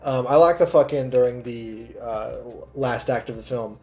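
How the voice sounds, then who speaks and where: A man's voice: mid-range voice, mellow. A man co-hosting a film podcast, talking in a casual, sweary way. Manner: sweary, quick to laugh. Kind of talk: casual film review chat.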